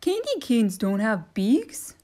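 A woman's voice: a little high, big pitch swings, slow, warm tone. A woman voicing a bossy Christmas elf who firmly turns visitors away. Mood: stern. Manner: stern, commanding, firm.

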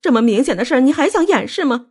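A woman voicing a hysterical young wife who shouts and accuses in a shrill, tearful voice. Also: big pitch swings, fairly quick. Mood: shrill hysteria.

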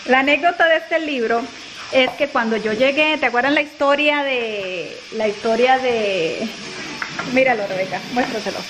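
A family vlogger with a fairly high voice chats casually at a moderate pace, telling stories and laughing often. She starts at home and later moves to a car, and the home video recording is noisy.

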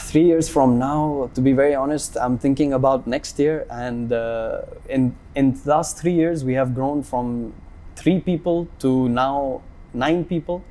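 Young man from Dubai, dark mellow voice. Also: mid-range voice, unhurried. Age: young adult. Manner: relaxed, earnest, with fillers. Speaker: company founder, guest. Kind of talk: casual interview answers. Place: indoor room, seated on a sofa.

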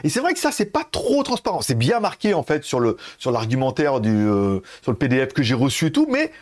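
A man's voice: medium pitch, wildly swooping pitch, fairly quick. A man from France hosting a casual, chatty product review video, full of fillers and asides. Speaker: tech reviewer.

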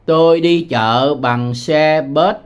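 A man from Vietnam teaching English words in a patient tutorial, repeating each word slowly with hesitation sounds. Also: a little high, slight background noise. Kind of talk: slow, patient screen-demo tutorial.

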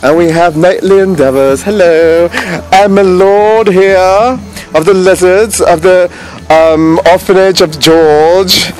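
Here a middle-aged man with a high-sitting, darkish voice talks slowly and with fairly even intonation, hosting a handheld vlog outdoors as a tarot reader at a Renaissance fair. His speech is theatrical and flamboyant, full of mock-archaic courtly phrasing, recorded in poor quality on a phone at arm's length along a fairground lane of stalls.

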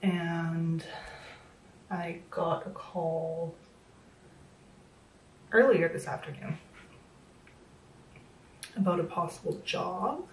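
Very slow and full of long pauses, a woman in her thirties with a fairly low pitch casually walks through a makeup tutorial at home. Slightly losing her voice, she sounds a little worn, and she's self-deprecating with plenty of fillers. The small room gives roomy echo, she's a bit distant from the mic, and there's a little hiss or hum.

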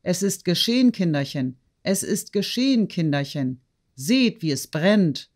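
A man voicing a desperate middle-aged shopkeeper, shouting wildly in an audiobook. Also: high voice, animated, unhurried. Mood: manic. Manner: wild, frantic shouting. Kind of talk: audiobook character voice.

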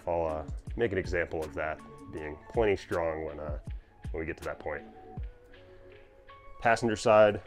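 A man casually walking through his camper van build, explaining plans in a plain, practical way. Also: low-pitched. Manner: plain, practical, talks while pointing things out. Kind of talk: casual walkthrough narration. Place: inside a cargo van in a workshop.

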